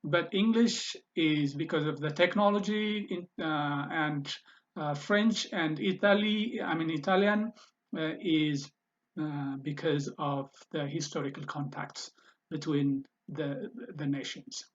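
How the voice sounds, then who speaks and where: Man, language teacher, slow and patient, fairly high voice, dull lo-fi sound. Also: fairly even intonation. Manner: patient, repeats words slowly for pronunciation. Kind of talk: language lesson. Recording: dull lo-fi recording.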